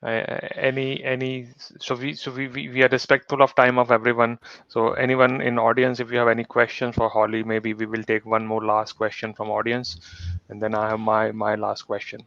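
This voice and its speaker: A man's voice: mid-range voice, monotone, a little fast, creaky, a bit bright, dry recording, dull audio. A man hosting a webinar as trainer, polite and hesitant, often repeating words. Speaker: host, trainer.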